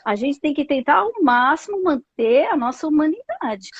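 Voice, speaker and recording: A woman's voice: high voice, lively intonation, moderate pace, no room sound. A woman psychologist with a Brazilian Portuguese accent, talking thoughtfully on a live video call with many fillers and tag questions. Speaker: psychologist guest. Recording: dull lo-fi video call audio.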